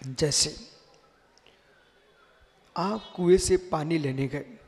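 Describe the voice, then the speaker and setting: Middle-aged man giving a sermon, high voice, big echoey hall, quiet then loud, keeps asking the crowd things. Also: very slow, gravelly. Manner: emphatic, swings between soft asides and loud high bursts; addresses listeners directly, questions them. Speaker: Jain monk preacher. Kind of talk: live sermon. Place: large hall before a seated assembly. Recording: long reverb of a large hall.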